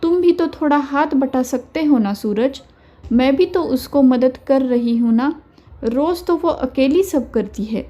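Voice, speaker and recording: A woman voicing an older mother-in-law who speaks gently and firmly, giving measured advice in an audio story. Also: sits high, lo-fi sound. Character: older mother-in-law, calm, wise, quietly firm.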